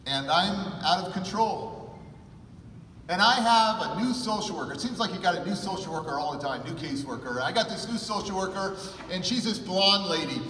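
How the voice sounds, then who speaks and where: Keynote man from California, high bright voice, emotive storytelling, heard from a distance in a reverberant hall. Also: lively intonation, brisk, a little hiss or hum. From California, USA. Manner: emotive, shifts from hushed to loud for emphasis. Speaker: conference keynote speaker. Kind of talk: personal storytelling talk. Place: large hall with an audience. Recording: echoey hall, mic at a distance.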